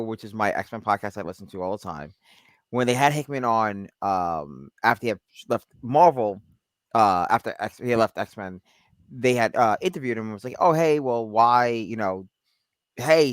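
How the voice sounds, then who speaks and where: A man's voice: mid-range voice, a bit bright, no echo. A man talks loosely on a podcast, circling back with fillers and restarts. His voice sits mid-range and sounds dry and close to the mic. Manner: rambling, many fillers and restarts. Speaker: podcast co-host. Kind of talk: casual chat.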